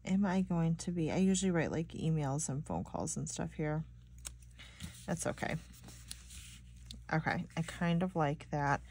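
A young woman from Michigan, a planner vlogger, chats casually with viewers while decorating her planner, rambling and using "like" a lot. Her voice sits low and sounds slightly stuffy and nasal, with a darkish, slightly rough tone. She speaks at a measured pace with long pauses.

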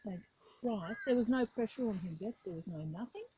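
A woman's voice: medium pitch, animated, fairly quick, muffled recording, background noise. A woman chatting casually and animatedly, using lots of fillers as she tells stories about her horse. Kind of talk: casual chat.

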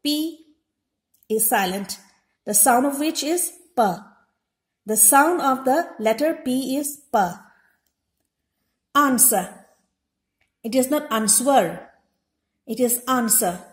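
Slow, high-voiced woman teaching a lesson. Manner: repeats each example word slowly and explains. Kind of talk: slow, deliberate classroom lesson. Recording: echoey room.

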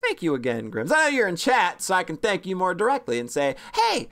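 Bubbly rambling woman streamer, lively pitch. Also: quick pace. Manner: bubbly, rambling, self-mocking, with sudden squeaky high bursts. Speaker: VTuber streamer. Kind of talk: casual stream chat reviewing fan art.

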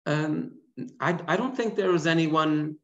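A man in his thirties, originally from Portugal, appears as a guest biologist in an online lecture, answering audience questions. His voice is fairly high and his pace measured, and he talks animatedly, gesturing as he explains. He's picked up by a laptop webcam mic on a video call, so the audio is dull and lo-fi.

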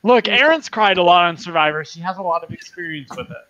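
A man's voice: high voice, lively intonation, quick pace, sharp tone, no echo, dull audio. A man hosting a casual panel chat, emphatic, acting out mocking retellings. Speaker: host.

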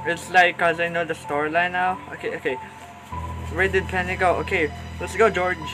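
A young man with a slightly high voice talks his way through a horror game in a jittery, panicky let's-play commentary. He keeps fretting aloud and repeating himself. Loud game music plays behind him. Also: flat delivery, normal speed, poor audio. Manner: nervous, panicky, repeats "oh no" over and over. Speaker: gaming YouTuber.

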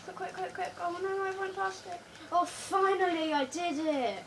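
Here a girl co-hosts a building game in a living room, speaking in a very high, steady, slightly croaky voice. Her casual chat is quick, and she repeats words when time runs short. Recorded by a phone camera aimed at the TV, the audio sounds far away and carries room noise.

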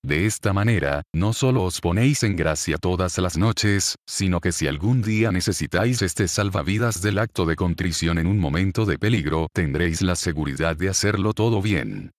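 A man's voice: sits low, animated, normal speed, hardly any pauses, dry recording, studio quality. A man with a Spanish accent, a priest giving a religious talk to an audience and repeating key phrases as he teaches. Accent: Spain.

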